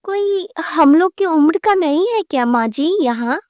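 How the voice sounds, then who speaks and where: A woman's voice: very high voice, animated, unhurried, a little mellow, no echo, clean studio sound. A woman voicing a cheeky young daughter-in-law in a cartoon story, who teases people and laughs at the wrong moments. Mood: teasing.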